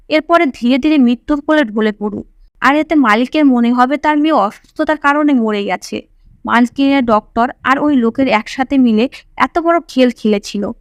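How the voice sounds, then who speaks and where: A woman narrating a suspense story in steady, scripted first-person storytelling. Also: high voice, no echo.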